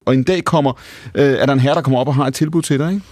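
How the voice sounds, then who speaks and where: A man's voice: mid-range voice, a little mellow, no room sound. A man hosting an interview, asking probing questions with stumbling restarts. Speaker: host.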